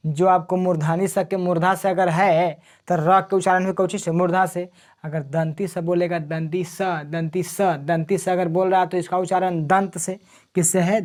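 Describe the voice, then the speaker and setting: A man's voice: high voice, a little mellow. A man teaching a grammar lesson, repeating sounds and answering his own questions in drills. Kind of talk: classroom grammar lesson with call-and-response drills.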